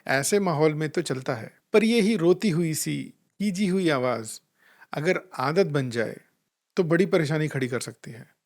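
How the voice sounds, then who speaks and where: Calm storytelling man, slightly high voice. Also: a little slow. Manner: gentle storytelling, acting out quoted voices. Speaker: spiritual life coach. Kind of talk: calm reflective spiritual talk with anecdotes.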